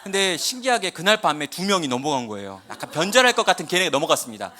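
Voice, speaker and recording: Male pastor, 40s, bright and animated sermon voice, storyteller who acts out scenes with humor. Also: a little high, racing. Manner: animated, humorous, acts out his own past prayers. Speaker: guest pastor. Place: church sanctuary at a prayer meeting.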